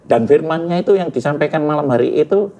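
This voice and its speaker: A man's voice: fairly high pitch, lively intonation, quick pace, dark tone. A middle-aged man earnestly tells his personal testimony in an interview, slipping in words. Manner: earnest storytelling, sprinkled with Javanese words. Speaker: guest giving a testimony.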